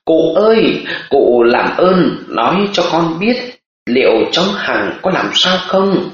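A man playing an anguished, loving father who comforts his daughter in a gentle, choked voice. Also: a little high, very animated, slow pace, pitched above the performer's own voice. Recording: echoey, dull audiobook recording.

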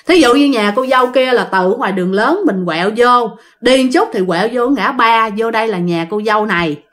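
A woman casually telling a ghost story, animated and speaking directly to her listeners. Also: fairly high pitch, a little fast.

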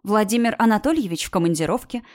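A woman's voice: medium pitch, expressive, fast, darkish tone, lightly acted. A woman reading an audiobook, voicing a bold young woman who talks with sarcasm and indignant emphasis. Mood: wry. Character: bold, sharp-tongued young woman friend. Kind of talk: audiobook character voice.

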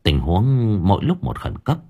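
A man narrating a story in a colloquial, wry and lively way. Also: on the low side, moderate pace, vocal fry, phone-quality sound. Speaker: audiobook narrator.

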